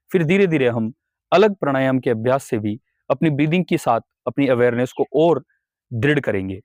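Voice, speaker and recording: A man leading a guided breathing meditation as yoga instructor, speaking slowly and calmly with step-by-step instructions. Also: medium pitch, no echo. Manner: slow, calm, instructive.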